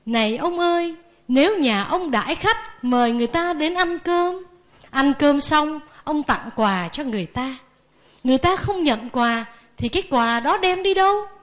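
A woman voicing a calm male sage, speaking slowly and softly. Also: high-pitched. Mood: serene.

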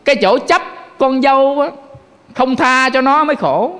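A man's voice: very high voice, moderate pace, fairly bright tone. A man preaches a homely Buddhist sermon. He talks in a chatty way and keeps turning to his listeners. His voice rings out with a long hall reverb. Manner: conversational, keeps addressing listeners directly. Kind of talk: folksy sermon.

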